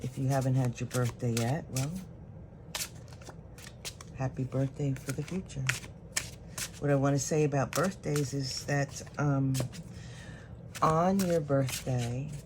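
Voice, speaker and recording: With a steady tone at medium pitch, a tarot reader gives a one-on-one reading to the viewer, working through thoughts aloud while pulling cards without rushing. Noise fills the background.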